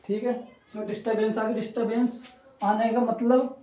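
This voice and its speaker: A young male teacher gives an online coaching lecture in a mellow, dark-toned voice. He talks in a loose, chatty way and keeps checking in with his students. The sound is roomy, and he stands back from the mic. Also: sits high, little pitch movement, normal speed, far from the mic. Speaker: polytechnic physics teacher. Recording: roomy echo, voice away from the mic.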